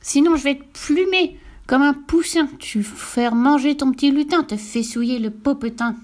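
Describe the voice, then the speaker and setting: A woman's voice: fairly high pitch, big pitch swings, unhurried. A woman voicing a mean, vain witch who sneers and throws rhyming insults while reading a storybook aloud. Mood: sneering.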